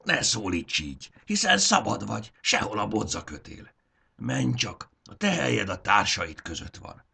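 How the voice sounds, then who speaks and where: Guy doing a gurgo creature yelling high and happy, gravelly storybook voice. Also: very animated, heavily acted. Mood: warm. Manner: cries out loud and high. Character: excited male gurgo creature, grateful and joyful.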